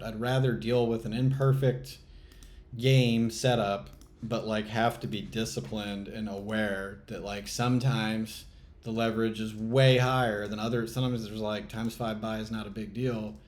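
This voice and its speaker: A man's voice: lowish voice, darkish tone. Man muttering frustrated trading commentary. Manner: muttering exasperated self-talk, swearing, sighs. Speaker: trading channel host. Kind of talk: live commentary while playing a trading game.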